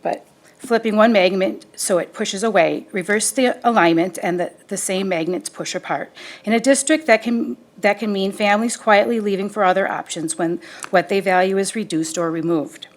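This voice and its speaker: Animated woman delivering a prepared statement. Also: medium pitch, moderate pace. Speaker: teacher and parent giving public comment. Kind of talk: prepared public comment.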